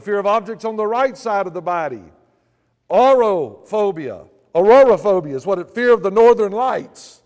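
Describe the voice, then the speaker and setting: High-voiced preacher man in a reverberant hall. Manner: preaching with humor and storytelling. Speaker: pastor. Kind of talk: sermon.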